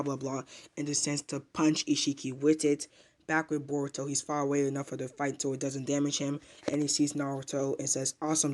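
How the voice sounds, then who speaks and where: A man casually retelling a manga chapter as a reviewer, rambling with filler words and restarts. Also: a little high.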